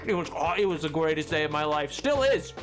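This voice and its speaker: A man chatting casually and excitably on a gaming livestream, joking and repeating his words. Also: on the high side, fairly quick, over music. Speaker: game streamer.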